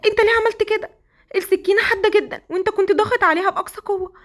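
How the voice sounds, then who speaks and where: A woman with an Egyptian accent voicing a shy, easily flustered young bride who talks excitably, close to tears, in a storybook romance. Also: rapid-fire. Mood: panicked. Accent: Egyptian Arabic. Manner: high-pitched, excitable, near tears.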